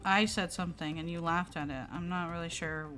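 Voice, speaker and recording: Young female streamer host, bright tone, teasing banter, soft music underneath. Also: fairly low pitch, fairly even intonation. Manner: teasing, protesting, quick to laugh. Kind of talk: casual stream chat. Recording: faint music in background.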